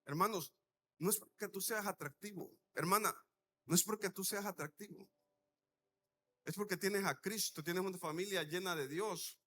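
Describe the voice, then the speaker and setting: Bright, high-voiced preacher man. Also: normal speed. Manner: animated storytelling preacher acting out dialogue; rhetorical questions to the congregation. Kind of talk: sermon.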